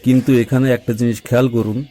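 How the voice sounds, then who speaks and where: A man's voice: mid-range voice, flat delivery, rapid-fire, warm tone, soft background music. A man giving explanatory nature commentary, directing viewers' attention to what he is watching. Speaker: amateur wildlife video narrator.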